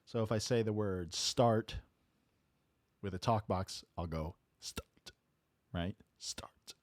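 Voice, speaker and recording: A man's voice: lowish voice, measured pace. A man casually teaching a talk box technique step by step, checking in with "right?" as he goes. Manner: relaxed, explains step by step with "right?". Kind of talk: casual studio tutorial. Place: home music studio.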